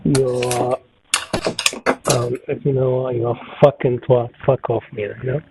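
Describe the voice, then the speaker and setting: A man's voice: medium pitch, level tone, slow, vocal fry. A man answering a phone call at work. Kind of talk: phone conversation. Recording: dull, faintly noisy phone line.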